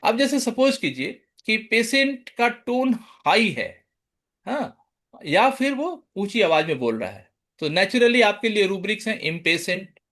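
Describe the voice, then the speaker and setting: High, lively male lecturer. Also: a little slow. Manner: mixes English terms into explanation; lively, acts out patient speech. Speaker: homeopathy lecturer. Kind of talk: online lecture.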